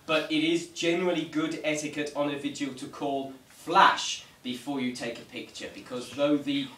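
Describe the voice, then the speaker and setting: Leading a ghost vigil, the tour guide gives his group an informal rundown with dry, wry humor and a bit of mock formality. His voice sits on the high side, steady and fairly bright, at normal speed. It was captured by a distant camera mic in an echoey indoor room with faint noise.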